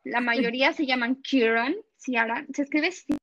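Young Mexican woman, interview guest; high, animated storyteller voice; dull, dry recording. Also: measured pace, dry recording. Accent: Mexican Spanish. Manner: animated storytelling, acts out dialogue, laughs often. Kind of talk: casual interview chat.

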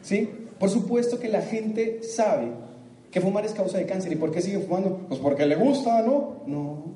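High-voiced man addressing a crowd. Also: moderate pace, warm tone, recorded from a distance. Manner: asks the audience questions, acts out their answers, laughs often. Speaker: motivational speaker. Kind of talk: live talk to an audience. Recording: echoey room with faint ambience.

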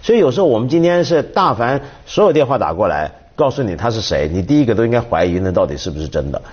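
A man's voice: mid-range voice, big pitch swings, fast talker, a little mellow, slightly rough, highs cut off. A man hosting a talk show in casual chat, skeptical and teasing toward his guest.

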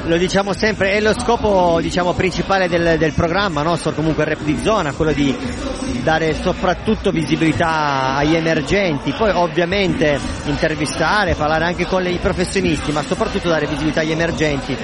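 A man's voice: fairly high pitch, a little fast. A man hosting a casual live rap radio show outdoors, agreeable and keen to hype things up. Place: outdoor festival broadcast.

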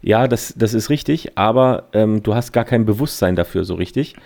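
A man's voice: fairly low pitch, normal speed, gravelly, darkish tone. A man talking as a podcast guest about his speaker training, rambling with many fillers. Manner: rambling, many fillers, laughs while reading aloud. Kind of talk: casual chat.

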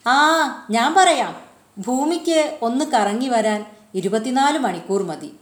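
A woman's voice: fairly high pitch, expressive, takes it slowly. A woman voicing a curious schoolboy asking eager questions. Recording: roomy echo.

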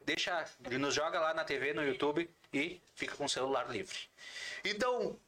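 A man's voice: on the high side, lively intonation, moderate pace, crowd noise. A man hosting a live show, announcing sponsors and guests. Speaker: podcast host.

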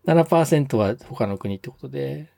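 The man co-hosting this relaxed podcast is polite yet a touch hesitant, filling pauses with fillers, and his dark, mellow voice has vocal fry while its pitch stays animated. It is recorded close and dry, with no room sound.

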